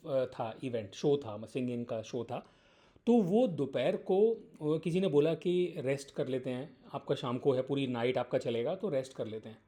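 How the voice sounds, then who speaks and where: A man talks through an idea in a relaxed, unscripted way, pausing to think and mixing in English terms. His voice sits a little high and has a soft, mellow tone. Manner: thinking aloud, hesitant fillers, mixes English words. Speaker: video host. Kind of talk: casual explanatory monologue.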